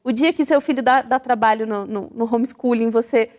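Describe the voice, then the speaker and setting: High-voiced woman host, reverberant room. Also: fairly quick. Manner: reflective, animated, asks the audience questions.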